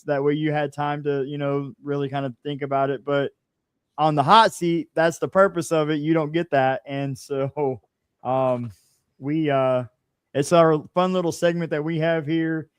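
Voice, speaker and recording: A man with a fairly high voice hosting a podcast interview, recorded close and dry. He asks his questions in an easygoing, slightly rambling way. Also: clear, resonant tone, no room sound. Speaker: podcast co-host.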